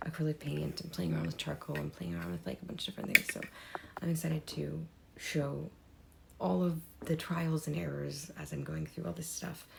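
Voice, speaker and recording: Woman, deep gravelly hoarse voice, rambling candid vlog from her home art room, faint hiss. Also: flat delivery, a little fast. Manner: rambling, many fillers and restarts. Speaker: artist vlogger. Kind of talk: unscripted personal vlog. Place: home room with desks and easel.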